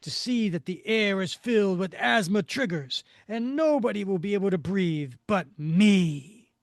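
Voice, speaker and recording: A man's voice: high-pitched, a little slow, no room sound, studio quality, pitched above the performer's own voice. A man voicing a gloating asthma monster villain with grandiose, theatrical speech.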